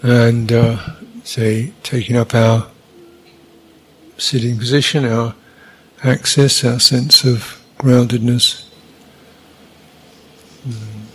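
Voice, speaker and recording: In a rough recording, a male meditation teacher with a husky, medium-pitched voice leads a guided meditation very slowly. His tone remains flat and steady as he offers brief, halting directions with long silences between them.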